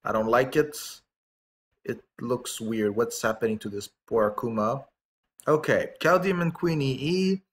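A man's voice: mid-range voice, measured pace. Man casually commenting on a game update. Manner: reads skill text aloud, then comments offhand with fillers.

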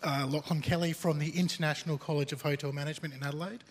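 A man's voice: fairly high pitch, fairly even intonation, very fast. A man on a college staff speaking from the audience, hesitant with many fillers. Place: large semi-open hall. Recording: long hall reverb.

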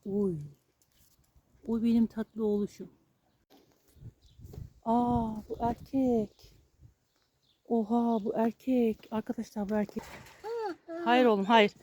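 A woman vlogging while out walking her dog, talking to it in a hushed, fussing way and to her viewers. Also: fairly high pitch, little pitch movement, slow pace, pauses often, a little hiss or hum. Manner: fussing and soothing, often hushed, then loud and pleading. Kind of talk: casual vlog narration and talking to her dog. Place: outdoors on a street.

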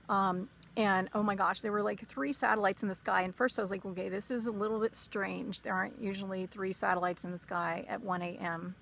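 Woman, gravelly voice, rambling with fillers, short on sleep, faint background hiss. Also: medium pitch, fairly bright tone. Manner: rambling, many fillers and restarts. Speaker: spiritual vlogger. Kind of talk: casual personal vlog monologue.

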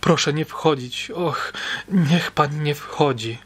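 Man doing a panicked, high-voiced teenage girl. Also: slow, fairly bright tone, slightly rough, full character voice. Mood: pleading. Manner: high, breathless pleading.

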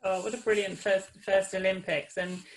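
A woman with a mid-pitched voice leads a webinar interview. She asks her questions in an encouraging, enthusiastic way. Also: flat delivery, brisk, poor audio.

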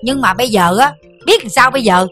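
A woman's voice: fairly high pitch, animated, brisk, fairly bright tone, faint music behind. An actress playing a sarcastic, scolding middle-aged mother in a TV drama, with a Southern Vietnamese accent. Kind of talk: TV drama acting.

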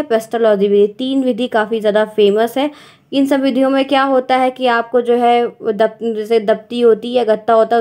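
A woman's voice: on the high side, a little mellow. A woman teacher, giving an exam-prep grammar lesson and explaining step by step while checking in with her students.

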